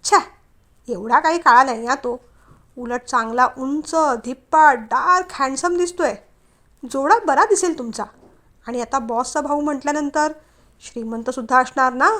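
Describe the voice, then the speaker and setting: A prickly young bank clerk, as a woman storyteller puts him on, talks in a stiff, lecturing way and gets irritated fast. The voice stays high, the same light storybook voice as the narration. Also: a bit bright. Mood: teasing. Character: young man, bank clerk, touchy suitor.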